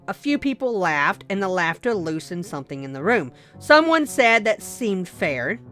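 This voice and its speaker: A woman reads a scripted horror story as its narrator, measured, letting her sentences fall away softly at the ends. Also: medium pitch. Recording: music bed under voice. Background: music.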